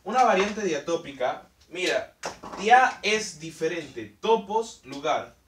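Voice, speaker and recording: A man teaching a language lesson, stressing key terms slowly as he explains. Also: sits high, sing-song, fairly bright tone, a little hiss or hum. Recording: roomy sound from a distant mic.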